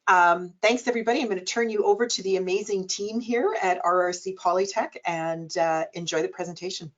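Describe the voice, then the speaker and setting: A woman's voice: on the low side, a little fast. A woman who directs a college program, welcoming attendees to a webinar in a friendly, hesitant way. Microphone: video call. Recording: dull lo-fi call audio.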